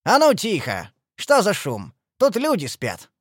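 A man's voice: huge pitch swings, measured pace, husky, dry recording, clean studio sound, exaggerated voice. A man voicing a fussy, owlish old bald man who shrilly protests from a window in a storybook reading. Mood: indignant. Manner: shrill and pleading.

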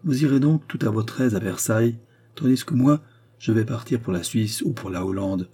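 Shrewd scheming countess, read by a man; clipped, brutal, peremptory; husky dark tone for an audiobook. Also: on the low side, normal speed. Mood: commanding. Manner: sharp, peremptory, brutally blunt.

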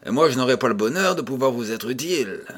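A man's voice: medium pitch, animated, fast, fairly bright tone. Man playing a lovestruck young suitor, shy, earnest, pleading, storybook.

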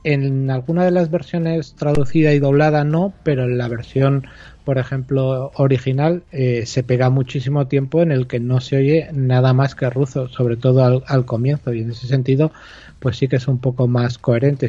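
A man with a dark, mellow voice, talking through film history in a relaxed podcast chat. He explains patiently, often stumbling over repeated words as he thinks. The sound is dry and a little dull, like a modest home mic. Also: mid-range voice, no room sound. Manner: thoughtful, explanatory, repeats words while searching. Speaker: podcast co-host discussing film.

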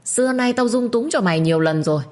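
A woman's voice: lowish voice, animated, moderate pace. A woman doing a raging old patriarch. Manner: shouting, threatening. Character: domineering bad-tempered old patriarch.

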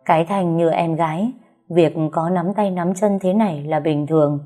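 A woman narrating a story in the first person, calm and even. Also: fairly low pitch, moderate pace.

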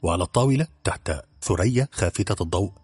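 A man narrating an audiobook in an expressive storytelling manner. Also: deep voice, fast talker, husky, no room sound.

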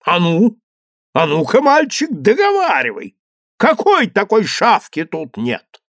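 This is a domineering old duke from an audiobook, puffing for breath and bellowing at commoners. His outbursts swing wide and climb high, as a man reading aloud puts him on. The sound is close and dry. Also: wildly swooping pitch, takes it slowly, dry recording, full character voice. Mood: blustering. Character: blustering old male duke, gruff and domineering.

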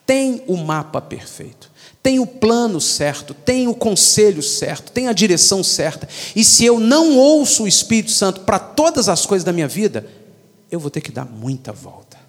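A Brazilian man preaches with a fairly high voice, emphatic and rhetorical, swinging between loud declarations and quiet asides. His sermon rings out with the long reverb of a church hall. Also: sing-song, normal speed. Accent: Brazilian Portuguese. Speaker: pastor.

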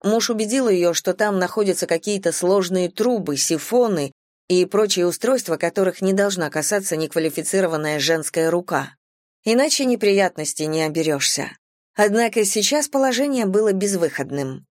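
A woman's voice: medium pitch, animated, moderate pace, darkish tone, dry recording. Woman narrating an audiobook, dry close sound. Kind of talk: scripted narration.

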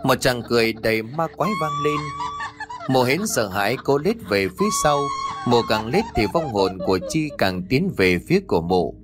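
A man narrating a ghost story in an expressive, suspenseful way. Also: mid-range voice, moderate pace, background noise.

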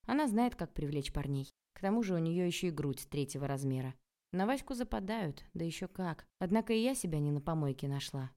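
A woman reading a first-person audiobook in a lively, sarcastic and dramatic way. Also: low voice, fairly quick. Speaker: audiobook narrator.

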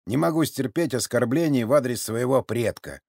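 A man's voice: medium pitch, normal speed, vocal fry, darkish tone, no room sound, studio quality, voice pushed up. A man reading an audiobook, voicing a proud, easily offended old man who is a war veteran. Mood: indignant. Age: older. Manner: indignant, haughty. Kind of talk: audiobook character voice.

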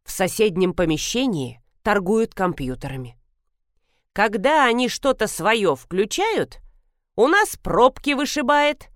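A woman voicing a grumpy, half-deaf elderly woman pharmacist who scolds loudly and demands people speak up. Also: medium pitch, big pitch swings, a little slow, no room sound, studio quality. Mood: scolding.

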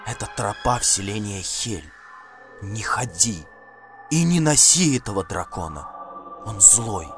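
A man reading an audiobook voices a dazed woman seer who has just come out of a trance, speaking slowly and haltingly in a breathy, distant way. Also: fairly low pitch, expressive, music in the background. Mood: eerie, dazed. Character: trance-dazed seeress woman, eerie, cryptic.

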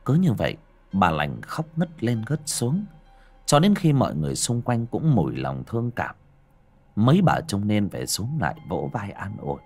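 A man narrating a dramatic audiobook story, swinging between loud and hushed delivery. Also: on the low side.

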